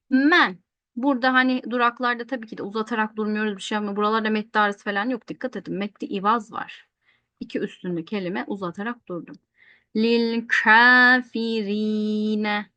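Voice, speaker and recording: A woman's voice: medium pitch, bright, forceful tone, no room sound. A woman teaching Quranic recitation rules in an online lesson, explaining patiently and often repeating points. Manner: explains patiently, repeats rules, asks questions then answers them.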